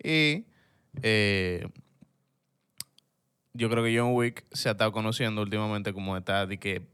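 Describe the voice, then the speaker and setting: Clear-voiced Dominican man hosting a podcast. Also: on the low side, a little slow, fairly bright tone. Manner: colloquial, slangy, with English loanwords. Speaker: podcast host. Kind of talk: casual film podcast chat.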